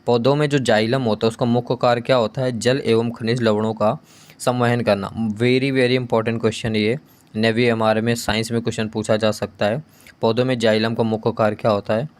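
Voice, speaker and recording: Male coaching teacher, mid-pitched, runs question-and-answer drills with brisk asides. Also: little pitch movement, clean tone. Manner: reads question then answers, adds quick asides. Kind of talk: quiz-style GK lesson.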